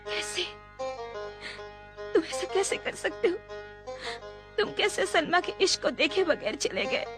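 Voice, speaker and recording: A woman's voice: extremely high pitch, sing-song, unhurried, music in the background, heavily acted. An actress dubbing a heartbroken young woman who pleads and reproaches. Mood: reproachful. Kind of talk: Urdu film dubbing.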